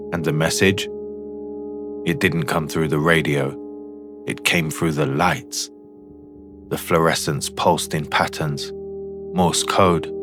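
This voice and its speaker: A man with an extremely low voice plays a haunted signal technician, narrating a first-person horror story deliberately in short, broken phrases, with music clearly behind him.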